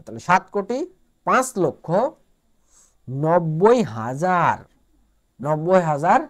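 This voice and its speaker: A woman from Bangladesh teaching a math lesson at the board, explaining step by step, repeating each point and checking that students follow. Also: lowish voice. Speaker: math tutor.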